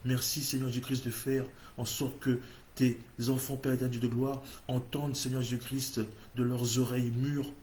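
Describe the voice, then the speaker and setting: A man's voice: medium pitch, flat delivery, moderate pace, warm tone, a little hiss or hum. A man with an English-speaking accent hosting a church livestream, leading a fervent, repetitive prayer in French. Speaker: church host.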